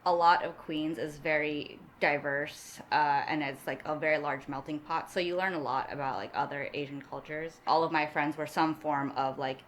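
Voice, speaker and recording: A woman's voice: normal speed, hardly any pauses, a little hiss or hum. A woman from New York City, a guest in a casual chat, talking animatedly and acting out quotes with frequent laughs. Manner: animated, acts out quotes in a high voice, laughs often.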